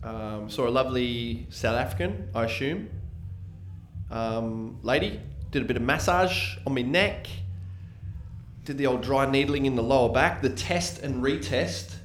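An echoey recording with some background noise carries a man. His pitch is average and his talk is matey, slangy podcast chat between co-hosts. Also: expressive, unhurried. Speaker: podcast co-host. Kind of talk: casual chat. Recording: roomy echo with clear background noise.

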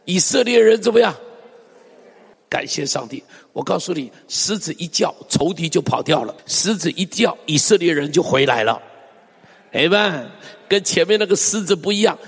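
An older man preaching a sermon as pastor, acting out scripture lines with sighs and shouts and chuckling often. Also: fairly high pitch, lively intonation, moderate pace, husky. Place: church sanctuary. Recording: long hall reverb.

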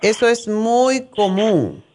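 A woman's voice: mid-range voice, sing-song, slow, a little mellow. A middle-aged woman giving conversational, opinionated health advice as a radio host, direct and familiar with her callers.

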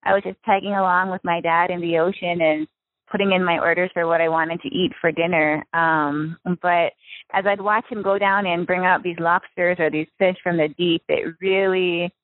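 Relaxed young woman from Hawaii, lowish voice, phoned-in interview, dry and tinny. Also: normal speed, no room sound. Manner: relaxed, chatty with frequent ums and soft laughs. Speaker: guest, freediving spearfisher. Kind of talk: casual interview over the phone.

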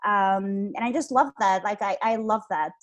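A woman's voice: mid-range voice, normal speed, highs cut off. A woman in her twenties from Honduras, a podcast guest chatting casually over a call with many "like"s and restarts. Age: 20s. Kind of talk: casual interview chat. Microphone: video call.

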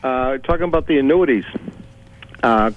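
A male caller heard over the phone, his voice coming through a muffled, dull line that softens the top end. He asks polite, simple questions at a middling pitch, calling in to put them to the hosts. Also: moderate pace, slight background noise. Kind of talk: call-in question to a radio show.

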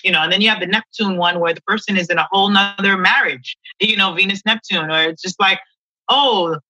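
A woman astrologer talking through client stories in a relaxed podcast conversation, filling her speech with "you know". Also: medium pitch, quick pace, no room sound, poor audio. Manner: chatty, frequent "you know" fillers.

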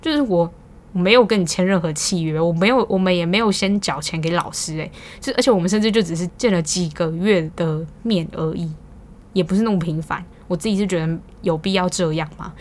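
A woman's voice: fairly low pitch, brisk, slight background noise. A young woman with a Taiwanese Mandarin accent, hosting a podcast and telling a story in casual, exasperated venting, swearing now and then. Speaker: podcast host.

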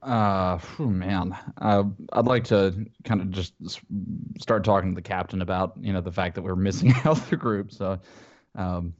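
A man playing a tabletop game, speaking in a hesitant, halting way. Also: deep voice, steady tone, lo-fi sound.

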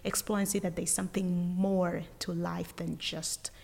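A woman from Uganda, a guest talking casually in an interview, energetic and thoughtful, often restarting her sentences. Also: lowish voice, a little slow, vocal fry, long reverb tail.

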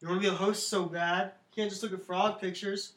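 A man's voice: high-pitched, level tone, fast talker, a bit bright. A young man co-hosting a podcast, blunt, crude and sarcastic in casual chat. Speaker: podcast co-host. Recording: echoey room.

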